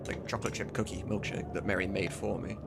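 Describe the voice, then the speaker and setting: A live streamer and game modder talks casually in a low, steady voice with vocal fry, moving fast. He rambles informally and swears now and then, and the recording is very noisy.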